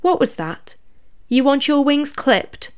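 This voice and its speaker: A woman voicing a ruthless female rabbit demon commander who speaks coldly and drops into low, menacing whispers. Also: normal speed, smooth, natural voice. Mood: mocking. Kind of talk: storybook reading.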